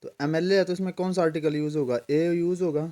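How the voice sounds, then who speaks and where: A man's voice: a little high, steady tone, quick pace, mellow. A man giving a casual spoken grammar lesson, mixing in English terms and repeating his own questions before answering them.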